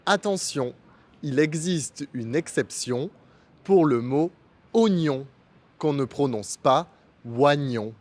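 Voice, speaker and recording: A man with a slightly high voice walks through pronunciation at an extremely slow, deliberate pace. Every sound is shaped carefully, as in a scripted lesson for beginners. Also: expressive, slight background noise. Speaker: French teacher.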